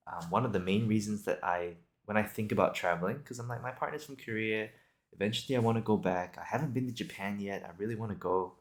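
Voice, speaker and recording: This video podcast host, a young man from Singapore and Australia, has a deep voice with heavy vocal fry. Speaking casually and improvising to his audience on his own, he rambles, hesitates, and circles back while thinking out loud.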